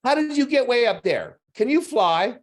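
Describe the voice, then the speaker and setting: A man's voice: extremely high pitch, big pitch swings, moderate pace, pitched above the performer's own voice, exaggerated voice. A man voicing a blunt, insistent four-year-old boy who keeps firing questions. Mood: pestering.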